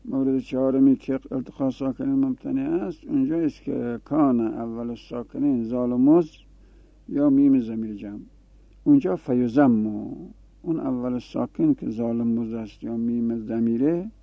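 In a dry, tinny recording that resembles a phone, a male Arabic grammar teacher walks a class through the rules and says example forms aloud repeatedly. His voice is medium-pitched with fairly even intonation, and there is no room sound.

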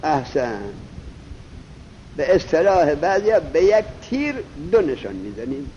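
A man teaching a classroom lesson, explaining step by step, asking questions and answering them himself, and reading passages slowly. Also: a little high, big pitch swings, mellow, lo-fi sound. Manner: reads Arabic passages slowly and deliberately. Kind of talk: classroom lesson on Arabic grammar.

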